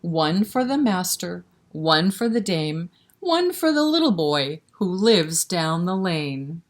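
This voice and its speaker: With a fairly low but very animated voice, a woman takes her time leading a storytime for little ones. As the children's library reader, she works through nursery rhymes and talks to the kids in an interactive, encouraging way.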